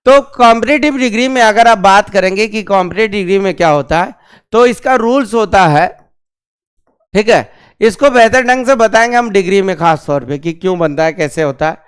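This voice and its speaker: A man's voice: high-pitched, lively intonation, smooth. A male grammar teacher giving a classroom lesson, asking the class questions and repeating key terms. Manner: drills slowly on key terms.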